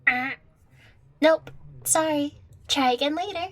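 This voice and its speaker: In an audio roleplay, a woman plays a young catgirl girlfriend who is playful, affectionate, teasing, and coy. She speaks close to the listener in a breathy voice that is high-pitched and slow.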